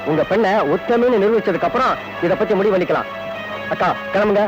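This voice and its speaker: An offended bridegroom, played by an actor, who speaks firmly in a quick, high voice. Film music runs under the old soundtrack. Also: male voice, dull audio, lightly acted.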